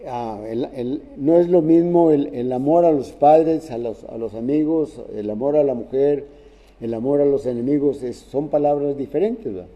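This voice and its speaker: A man preaching a sermon in a halting way, restarting phrases and often checking in with "¿verdad?". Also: medium pitch, mellow, muffled recording.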